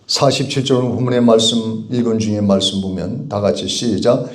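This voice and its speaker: A man preaching as a pastor, with rhetorical questions, emphatic repetition, and sudden swings from loud pleading to low, quiet asides. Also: fairly even intonation, moderate pace. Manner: bursts out to dramatize cries, then drops low. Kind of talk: sermon.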